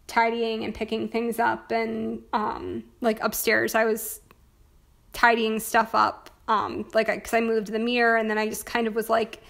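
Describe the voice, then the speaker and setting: A young woman in casual chat about her planner, hoarse from losing her voice, talking in a chatty way with lots of filler words. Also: fairly high pitch, fairly bright tone. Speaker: planner vlogger.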